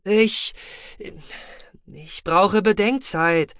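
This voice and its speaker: A male reader voicing an overwhelmed alien fleet commander who talks in a shrill, faltering, panicky way. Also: expressive, moderate pace, fairly bright tone, no echo, clean studio sound. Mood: nervous.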